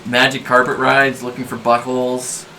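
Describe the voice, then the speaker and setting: A man narrating a tabletop game as game master in halting, drawn-out phrases. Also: medium pitch, completely flat delivery, sharp tone, a little hiss or hum, poor audio.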